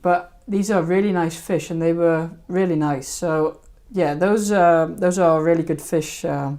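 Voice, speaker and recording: A woman's voice: lowish voice, a little slow, dark tone. A woman hosting a fishkeeping live stream, rambling casually and hesitantly over her old videos. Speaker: fishkeeping channel host.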